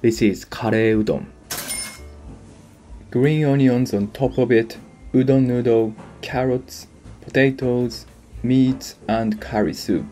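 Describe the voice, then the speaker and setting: A young man with a Japanese accent hosts a casual food vlog, explaining things plainly in simple, careful English. His voice is mellow and warm, at an ordinary pitch for a man. Faint music plays softly behind him. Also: steady tone, slow pace, long pauses. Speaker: vlog host.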